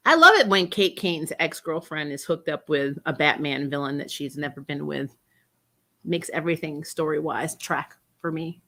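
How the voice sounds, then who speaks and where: A woman with a deep, sharp-toned voice and lively intonation speaks at a moderate pace as host of a fan review show recapping a TV superhero series. She's casual, sarcastic and incredulous, blunt enough to swear, and laughs often while talking.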